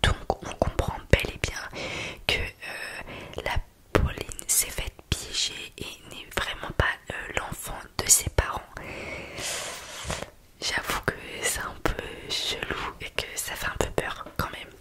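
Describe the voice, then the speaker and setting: A woman speaks entirely in a hushed library whisper, breathy and unvoiced. She tells a story in ASMR style, informally and conversationally, pausing and hesitating as she goes. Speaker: ASMR video creator.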